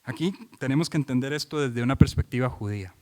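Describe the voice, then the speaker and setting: A man's voice: mid-range voice, fast, darkish tone, long reverb tail. A man preaching an expository sermon, driving his points home with repeated phrases and questions put to the congregation. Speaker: pastor.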